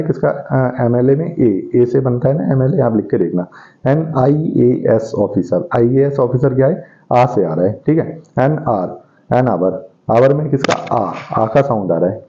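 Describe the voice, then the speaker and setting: A man with a very dark, mellow voice teaches grammar on a muffled, lo-fi recording. He works through each rule patiently and puts questions to his class that he then answers himself. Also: mid-range voice. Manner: explains step by step, asks questions and answers them himself; reads English example sentences slowly. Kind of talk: classroom grammar lesson in Hindi and English. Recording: dull lo-fi recording.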